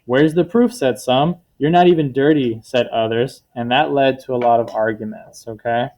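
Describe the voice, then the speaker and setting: Reading a children's picture book aloud as a teacher, a man speaks at a moderate pace in a mid-pitched, darkish voice. He explains words simply and often turns to the class with questions to check they are following.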